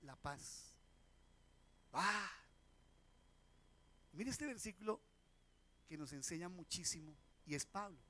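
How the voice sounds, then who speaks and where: High-voiced pastor preaching. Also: male voice, a bit bright. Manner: asks the congregation questions, acts out quoted voices. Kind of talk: sermon. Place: church sanctuary.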